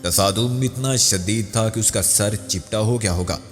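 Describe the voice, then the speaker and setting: A man narrating a crime thriller novel as an audiobook, with steady storytelling. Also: lowish voice. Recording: long hall reverb with faint music.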